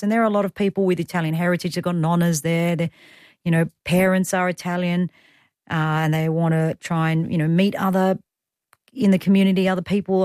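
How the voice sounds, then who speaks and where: With a lowish, slightly mellow voice, this Australian talk radio host in her thirties chats her way through the rundown and drops in personal asides. She's on a studio microphone in a radio studio, and the sound is studio quality with no room tone.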